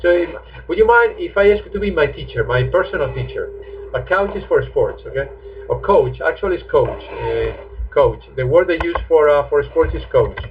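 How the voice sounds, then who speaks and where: A man's voice: fairly high pitch, expressive, normal speed, slight background noise. A man, a chatty, joking English teacher answering students' questions in a live online class. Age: 50s. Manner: chatty and jokey. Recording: tinny phone-like stream audio.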